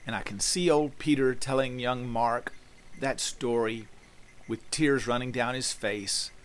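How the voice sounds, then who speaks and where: A middle-aged man, preaching a sermon as a pastor, telling the story emphatically and dropping to a hush on key phrases. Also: mid-range voice, low-quality recording.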